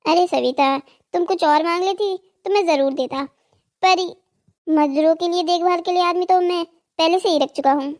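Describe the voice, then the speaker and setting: A woman's voice: very high voice, moderate pace, a little mellow. A woman voicing a rich, self-assured village man in a cartoon drama, polite but firm.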